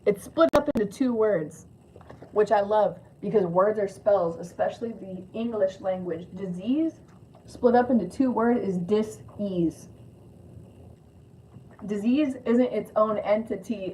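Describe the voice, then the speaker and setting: On a live stream, a woman with a lisp gives a spiritual card reading, alternating between reading aloud and loose, rambling chat peppered with swearing. Her voice is medium-pitched, slow and a little mellow. The audio is dull and lo-fi with clear noise.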